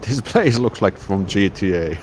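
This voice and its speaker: This laid-back Finnish live streamer has a deep voice and a slow pace, chatting casually and reading viewer comments outside near a city train station. His talk is relaxed and rambling, full of restarts, and his gimbal-mounted phone picks up clear street noise behind him.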